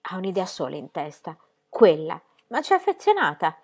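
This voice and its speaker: A woman's voice: fairly low pitch, wildly swooping pitch, normal speed, darkish tone, breathy edge, heavily acted. A woman reading aloud and voicing a sleepy, dismissive grown daughter with a languid, sardonic manner. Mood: weary. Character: weary adult daughter, sleepy, dismissive singer.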